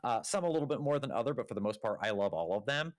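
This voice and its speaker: A man's voice: medium pitch, sing-song, racing, dry recording. A man co-hosting a podcast in casual chat, rambling with lots of fillers and self-corrections. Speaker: podcast co-host.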